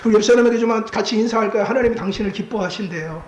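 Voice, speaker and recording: A male pastor preaching a sermon with strong emotion, acting out quoted voices and rising to shouts. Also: high-pitched, rapid-fire, lo-fi sound. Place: church sanctuary. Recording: echoey church sanctuary, faint noise.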